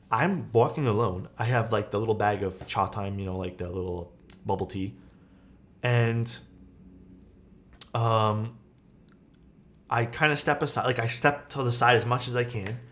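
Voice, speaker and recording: A man in his thirties chatting casually on a livestream, venting and rambling with many fillers and some swearing. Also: mid-range voice. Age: 30s. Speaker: keyboard-building streamer. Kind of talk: casual livestream chat reading viewer comments.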